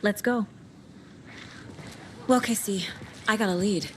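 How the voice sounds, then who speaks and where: An actress playing a composed, businesslike investigator in a video game, speaking in a measured, matter-of-fact way. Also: female voice, medium pitch, background noise, close to an everyday voice. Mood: inquiring. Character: composed, businesslike female investigator on a murder case. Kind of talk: video game character acting.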